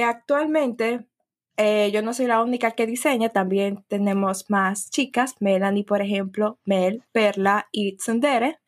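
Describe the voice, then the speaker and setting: A woman hosts a casual podcast chat and reads listener questions to her co-hosts. Her voice sits a little high. She keeps the conversation moving. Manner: leads the talk, reads questions aloud.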